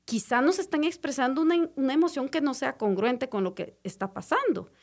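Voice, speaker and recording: A woman's voice: high-pitched, animated, brisk. A woman, a mother and podcast co-host, explaining at length with tag questions and restarts. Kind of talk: casual podcast chat.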